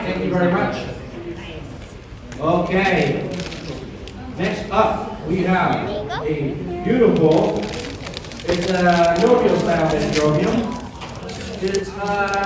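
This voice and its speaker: A man working as an auctioneer, informally calling and repeating bids and chatting through descriptions of the lots. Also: sits high. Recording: echoey room, distant microphone.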